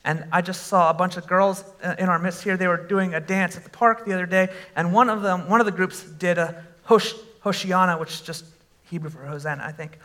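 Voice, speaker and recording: This man, a pastor, delivers a sermon to a congregation with a high-pitched voice and a fairly quick pace. He talks conversationally with fillers, then bursts into animated shouting when he exclaims something.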